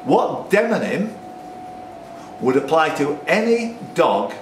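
Speaking slowly in a fairly high, very animated voice, a man hosts a live pub quiz indoors. He reads the questions aloud with joking, conversational asides; a far-off microphone picks him up in the echoey, noisy pub.

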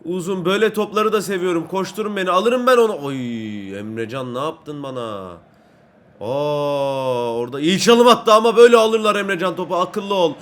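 A man commentating live as he plays a football video game, excitable, shouting and grumbling at his teammates. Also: on the high side, normal speed. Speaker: gaming YouTuber.

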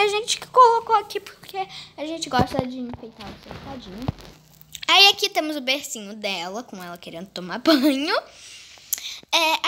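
A woman giving a chatty, excitable tour of her game house, often calling her viewers "gente". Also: sits high, slight background noise. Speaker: gaming vlogger. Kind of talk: casual game tour narration.

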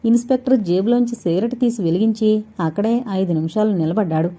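A woman narrating a suspense novel as an audiobook, reading in a steady, measured way with quiet dramatic pauses. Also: mid-range voice. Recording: dull, lo-fi recording.

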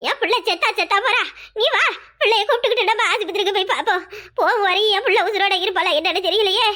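A woman's voice: very high voice, fast, bright, forceful tone. A woman voicing an elderly village mother in a cartoon comedy, who wails, scolds and laments. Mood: lamenting.

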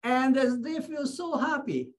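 High-voiced woman teaching very slowly. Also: animated, darkish tone. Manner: short phrases, acts out patients. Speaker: shiatsu teacher. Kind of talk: teaching through an interpreter.

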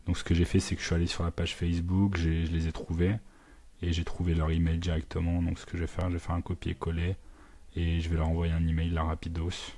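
A digital marketing agency owner with a low, flat voice talks fast as he narrates a casual live walkthrough of his screen. He thinks aloud with lots of fillers and sound words, mixing English business terms into his French.

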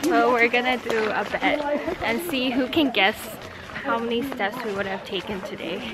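Chatty young woman vlogger, bright pitch. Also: normal speed, over a noisy crowd. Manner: chatty, excitable. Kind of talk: casual chat. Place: forest trail outdoors, then a train station. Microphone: handheld camera at arm's length.

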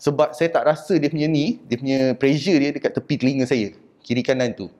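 A man's voice: mid-range voice, steady tone, brisk, darkish tone. A Malaysian man talking through a cloth mask, chatty and casual, reviewing a product for his vlog and mixing English into his speech.

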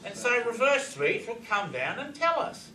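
A man's voice: extremely high pitch, very animated, normal speed, pushed and bright, slight background noise. Man lecturing in an echoey hall. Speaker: lecturer on reverse speech. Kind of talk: live seminar talk to an audience. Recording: roomy hall mic from far off, audience around.

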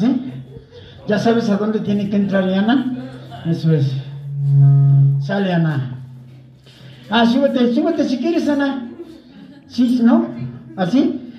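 A man's voice: high-pitched, lo-fi sound. A middle-aged man with a Mexican accent doing a party clown's teasing, crude comedy patter with the audience, heard over a distant PA. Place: covered patio party at night. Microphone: handheld mic through speaker, filmed from afar. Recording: echoey PA, distant phone, crowd noise. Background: party crowd.

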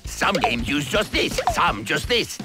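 An actor voicing Wario, a greedy, boastful male schemer in a video game, brash and gravelly, over loud game music. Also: a little high, very animated, a little slow. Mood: taunting. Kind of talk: video game cutscene voice acting.

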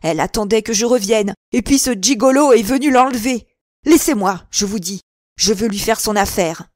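A woman voicing a jealous, hot-headed young man who shouts in fury, in a recorded novel reading. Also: a little high, moderate pace, no room sound, studio quality, natural voice. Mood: furious shouting. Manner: shouting, furious.

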